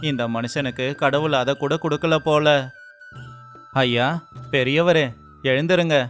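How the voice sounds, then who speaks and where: A man's voice: on the high side, unhurried, soft background music, natural voice. A man playing a poor, earnest fisherman. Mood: kind, concerned. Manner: earnest and emotional. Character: poor young fisherman, despairing but kind.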